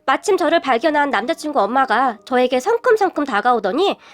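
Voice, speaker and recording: High-voiced young woman telling a story. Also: animated, fairly quick. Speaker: narrator. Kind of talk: scripted first-person story narration. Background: faint music.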